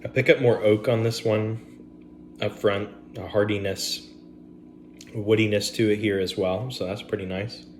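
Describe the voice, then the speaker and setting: A man's voice: fairly low pitch, fairly even intonation, moderate pace, a little hiss or hum. A man, casually reviewing bourbons on camera at home, rambling with fillers and asides.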